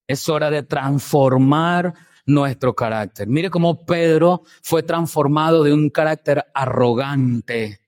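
A man preaching a sermon as pastor, emphatic and full of rhetorical questions, swinging between loud stresses and quiet, low asides.

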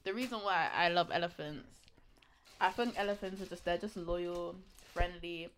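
A woman's voice: fairly low pitch, moderate pace, a bit bright, a little hiss or hum. A nineteen-year-old woman co-hosting a casual late-night podcast, loose and chatty, laughing often and swearing casually. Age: late teens. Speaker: podcast co-host.

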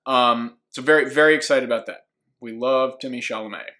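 An enthusiastic man talks casually about upcoming films, laughing often and filling pauses with "uh" and "um." His voice sits at an ordinary middle pitch for a man. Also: sharp tone. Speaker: podcast co-host.

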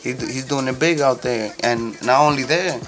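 A man's voice: mid-range voice, moderate pace, a bit bright. A man with a Dominican accent in a casual podcast chat, using street slang and switching between English and Spanish. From Dominican Republic. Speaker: guest DJ. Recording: music behind the voice.

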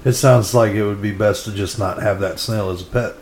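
A man co-hosting a podcast in casual chat, making dry deadpan quips. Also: lowish voice, brisk, slight background noise. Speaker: podcast co-host. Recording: echoey room.

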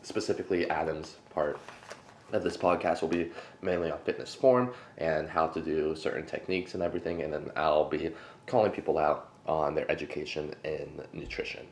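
A man with a very deep voice co-hosts a casual fitness podcast, speaking at a moderate pace with fairly even intonation. He rambles, using many fillers and restarts, and laughs often while eating between thoughts. There's slight background noise.

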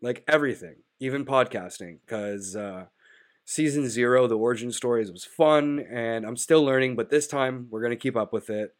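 A man's voice: mid-range voice, moderate pace. Nasal man with a lingering cold. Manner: casual, reflective, frequent fillers like "like" and "uh". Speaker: podcast host. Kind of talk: solo podcast monologue with sponsor reads.

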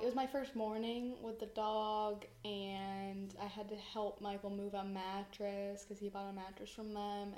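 A woman's voice: medium pitch, darkish tone. A young woman co-hosting a film podcast, chatting casually in an informal, rambling, giggly way from inside a house. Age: young adult. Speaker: podcast co-host. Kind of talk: casual film review chat. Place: echoey room in a house. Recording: echoey room in a house.

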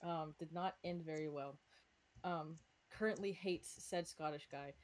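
A woman's voice: sits low, unhurried. A woman with a slight lisp on her S sounds, reading her own fanfic aloud to friends and breaking off for giggly asides. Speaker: fanfic reader and author.

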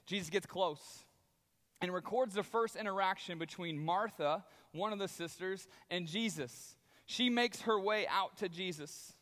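High-ish guy preaching, chatty storyteller vibe, long echo like a big church hall. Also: measured pace. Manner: conversational, animated storytelling with acted quotes. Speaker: pastor. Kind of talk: sermon. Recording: long reverb of a large hall.

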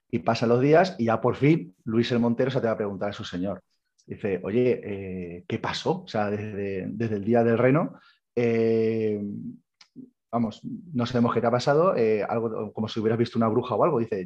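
A man's voice: medium pitch, darkish tone, slightly rough. A man from Spain co-hosting a podcast, casually retelling an old tale and acting out the characters' lines. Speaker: podcast co-host. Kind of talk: casual storytelling. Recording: slightly dull lo-fi audio.

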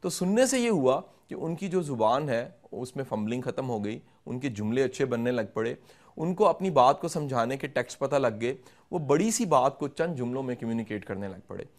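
Measured middle-aged man explaining. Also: medium pitch, big pitch swings. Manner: measured, explanatory, addresses viewers directly. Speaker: guest speaker on communication. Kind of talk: instructive interview answers.

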